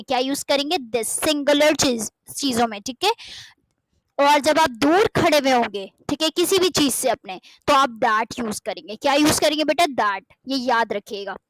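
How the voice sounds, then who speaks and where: A woman teaching an English grammar lesson in Hindi, slowly drawing out each English example sentence and then translating it, often calling her students "beta". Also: sits high, a bit bright, a little hiss or hum, low-quality recording. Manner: addresses listeners as "beta", keeps checking with "theek hai". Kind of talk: classroom-style grammar lesson.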